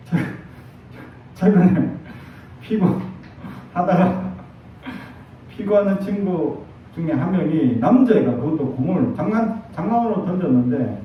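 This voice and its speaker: A middle-aged male pastor preaches a sermon with a high voice, switching into quoted lines as he tells his stories. He is heard from some distance in a strongly echoing room, and the sound is dull. A faint background hum runs underneath. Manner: animated storytelling with acted quotes. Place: church sanctuary.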